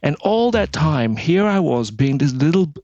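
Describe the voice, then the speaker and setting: A man's voice: a little high, very animated, normal speed, darkish tone, no echo, lo-fi sound. A man, a guest speaking in an earnest, reflective way with frequent restarts. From Malaysia. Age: 40s. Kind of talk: casual interview talk.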